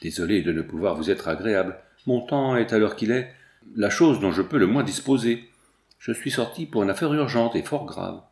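A man voicing a polite, wary gentleman who speaks in a courteous, guarded way, read in an echoey room. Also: fairly low pitch, expressive, moderate pace.

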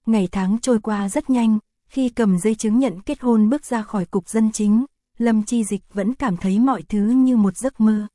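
A woman narrating an audio story in a steady, even reading voice. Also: medium pitch, normal speed, no echo, clean studio sound.

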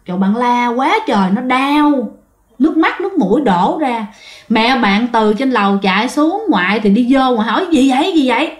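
Woman storyteller, fairly high voice, chatty and direct with listeners. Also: lively intonation, normal speed, echoey room. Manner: chatty, addresses listeners directly, vivid retelling. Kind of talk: casual ghost story narration.

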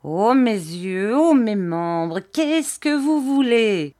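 A woman's voice: on the high side, lively intonation, very slow, warm tone, voice pushed up. A woman voicing a ferocious, drunken old male rag dealer who wails his words in a shrieking sing-song.

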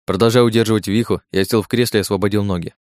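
Low-voiced male audiobook narrator. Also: steady tone, racing, a little mellow, clean tone, no echo, clean studio sound. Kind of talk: first-person scripted narration.

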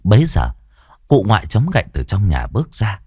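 A man narrating a ghost story in a dramatic, expressive way. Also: fairly low pitch, a little fast, husky, no room sound, clean studio sound.

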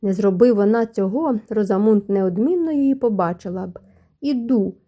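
A woman narrating an audiobook in an even storytelling manner. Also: mid-range voice, fairly quick. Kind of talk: scripted narration.

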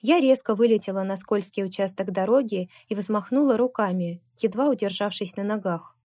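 A woman's voice: moderate pace, no echo, studio quality. A woman narrating a first-person novel as an audiobook, giving the characters their own voices. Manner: voices characters with raised pitch and loudness.

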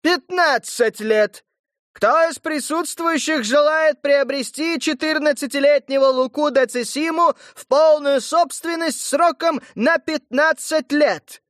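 A man voicing a male court herald who bellows proclamations in a shrill, ringing voice. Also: measured pace, fairly bright tone, no room sound, studio quality. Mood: shrieking. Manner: shrieking, booming proclamations.

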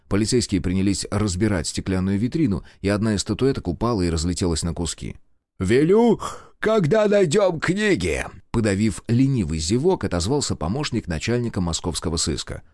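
A man narrating a novel as an audiobook reader, telling it in an expressive storytelling manner. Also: low voice, fast, few pauses, no echo, clean studio sound. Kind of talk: scripted narration.

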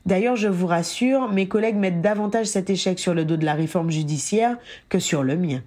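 A woman's voice: lowish voice, a little fast, warm tone, lightly acted. A woman reading the lines of Harry, a wry and self-mocking grown man, in an audiobook. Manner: dry sarcastic understatement.

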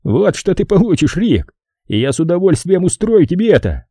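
A man's voice: sits high, wildly swooping pitch, a little slow, mellow, no echo, clean studio sound, voice pushed up, exaggerated voice. A man reading an audiobook, voicing a sneering, hot-headed male thug who hisses threats. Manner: sneering and hissing.

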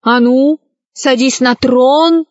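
A fickle pirate queen from a children's storybook who gushes and exclaims in a raised, fairly high voice, as a woman puts her on. She speaks slowly, and the recording is dry and slightly dull. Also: darkish tone, no room sound. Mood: gushing. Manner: gushing and exclamatory.

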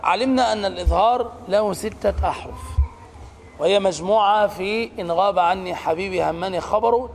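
A man teaching the rules of Quran recitation, explaining slowly and stretching out words and sounds to demonstrate them. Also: sits high, slight background noise. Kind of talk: tajweed lesson.

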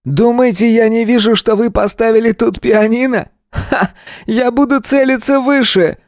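A man voicing an unhinged male gunman who taunts his victims through a door in a shrill, sing-song shout. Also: steady tone, moderate pace, no echo, clean studio sound. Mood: manic.

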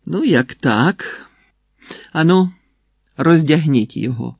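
A man voicing a stern, commanding old prince who interrogates prisoners, with a husky voice in a dry recording. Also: a little high, measured pace, a little mellow, dry recording. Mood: furious. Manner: commanding, barking orders.

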